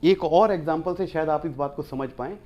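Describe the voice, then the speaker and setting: A man's voice: on the high side, brisk, dull audio. A man teaching a lecture, explaining points one at a time and acting out short example phrases to show how tone changes meaning. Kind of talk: classroom lecture.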